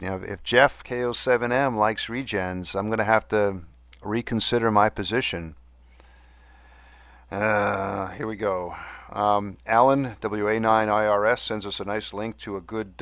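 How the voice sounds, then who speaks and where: A man hosting a podcast in a casual, halting, good-humoured monologue, with a whistle on his S sounds. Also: on the low side, a bit bright, clean tone, dry recording. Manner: halting, with good-humoured self-deprecating asides. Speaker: podcast host. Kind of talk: casual monologue reading listener mail.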